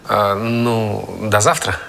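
An actor playing an awkward, apologetic young suitor. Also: male voice, on the low side, level tone, takes it slowly, creaky, a little hiss or hum, full character voice. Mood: shy, hopeful. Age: young adult. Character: awkward young suitor in a romantic comedy-drama. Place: indoors in a corridor. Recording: loud guitar music over dialogue.

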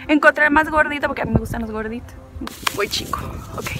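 High-voiced playful Mexican woman vlogging. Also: fast, music in the background. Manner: playful, rambling, talks to herself and the camera. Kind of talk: casual chatty vlog while walking. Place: outdoor city park.

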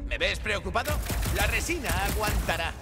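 Bichejo mercenario chulo, agudo y burlón. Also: male voice, sits high, moderate pace, heavy background noise. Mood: cocky. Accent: Castilian Spanish. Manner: brash, taunting, excitable. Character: cocky, mocking small creature mercenary with robotic parts. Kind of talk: video game voice acting, dubbed. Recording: loud game music behind the voice.

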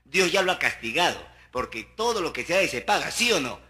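Middle-aged Peruvian stand-up, rowdy teasing monologue, bright cutting tone. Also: male voice, a little high, big pitch swings, a little fast. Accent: Peruvian Spanish. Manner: loud, rowdy, teasing the listener. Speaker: stand-up comic. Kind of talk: street comedy monologue.

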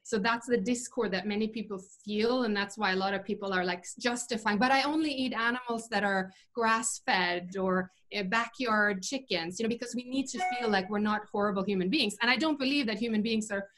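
A woman's voice: medium pitch, a little fast, few pauses, fairly bright tone, a little hiss or hum. A woman, a chef speaking as an interview guest over a video call, thoughtful and full of fillers and restarts. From Norway. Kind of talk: casual interview talk. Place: home room indoors.

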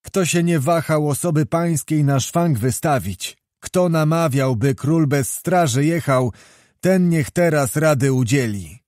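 A man's voice: fairly high pitch, a little slow, a little mellow, no room sound, studio quality, close to an everyday voice. Alarmed bitter nobleman, frantic and raised, a male narrator putting him on.

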